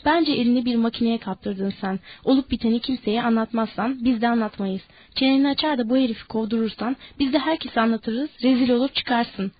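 A woman voicing a calm, authoritative lead ranch hand who speaks firmly and commandingly, in a dry, dull audiobook recording. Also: on the high side, a little fast, few pauses, natural voice. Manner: firm, commanding.

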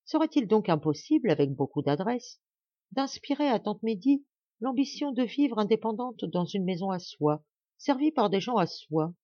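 A woman narrating a classic novel as an audiobook reader, in measured, expressive storytelling. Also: medium pitch, no room sound, dull audio.

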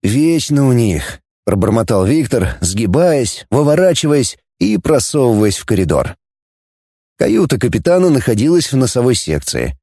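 A man reading a science fiction story aloud in expressive narration, acting out the dialogue. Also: mid-range voice, slightly rough, no echo, studio quality. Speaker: audiobook narrator. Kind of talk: scripted narration.

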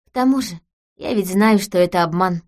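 A woman reading an audiobook, voicing a calm, earnest young woman who speaks in a serious, matter-of-fact way. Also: mid-range voice, a little fast, close to an everyday voice.

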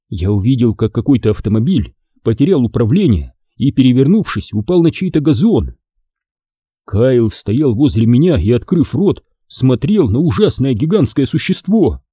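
A man reading a first-person adventure story aloud in an expressive, dramatic way. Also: mid-range voice, slightly rough, no echo, studio quality. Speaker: audiobook narrator.

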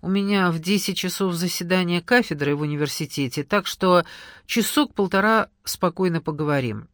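A reader voicing a calm, obliging middle-aged male university scientist in an audiobook, measured and reassuring. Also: high-pitched, dry recording, studio quality. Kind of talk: audiobook character reading.

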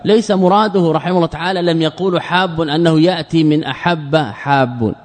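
Man lecturing with a long hall echo. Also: on the high side. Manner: repeats key words and asks the class rhetorical questions; measured, drawn-out explanation. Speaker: Islamic scholar teaching a class. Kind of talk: classical Arabic lecture. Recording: long reverb of a large hall.

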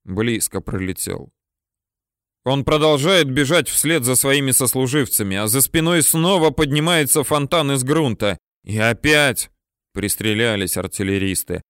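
A man reading a military adventure story as an audiobook, with steady storytelling that swells at tense moments. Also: mid-range voice, unhurried, dry recording, studio quality. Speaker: audiobook narrator. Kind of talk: scripted audiobook narration.

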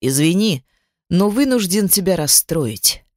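A woman's voice: lowish voice, sing-song, measured pace, a little mellow, no echo, studio quality. A woman voicing a domineering young man who speaks in curt, mocking, menacing lines in an audiobook. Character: gruff, domineering young man, a crime boss. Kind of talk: audiobook character voice.

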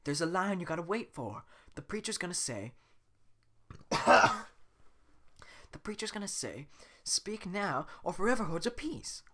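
A teenage boy voicing an excitable, chatty male donkey sidekick with a Southern accent in a high, loud, rapid voice. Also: a little hiss or hum, heavily acted. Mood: urgent.

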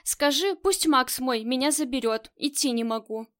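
A woman's voice: high voice, expressive, normal speed, fairly bright tone. A woman voicing a stubborn, tough female gang leader in an audiobook, curt and commanding. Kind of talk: audiobook character reading.

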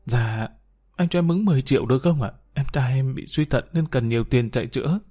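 A man's voice: medium pitch, fairly quick, dark tone, breathy edge, natural voice. A man voicing a poor young waitress who speaks politely and pleads anxiously. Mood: pleading. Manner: polite, pleading, respectful particles.

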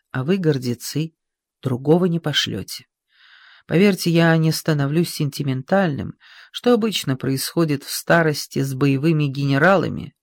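An audiobook reader voicing an aging former general with a dry, cracked voice, terse and quietly bitter. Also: mid-range voice, dry recording. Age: older. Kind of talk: audiobook character reading.

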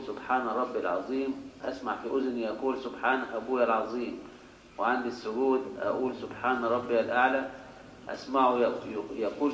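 A man's voice: mid-range voice, a little hiss or hum. Man reading letters in an echoey mosque. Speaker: reader of submitted questions.

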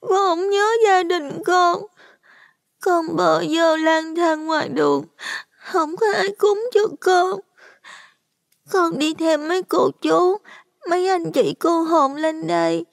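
A man's voice: very high-pitched, vocal fry, dry recording, studio quality, voice pushed up, heavily acted. A man voicing a frightened little ghost girl in a borrowed child's body, tearful and stammering. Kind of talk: audio storytelling.

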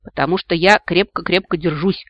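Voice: mid-range voice, fairly even intonation, moderate pace, no echo, dull audio, lightly acted. An audiobook reader voicing a frightened young man, whiny and pleading. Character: frightened young male healer. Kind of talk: audiobook character voice.

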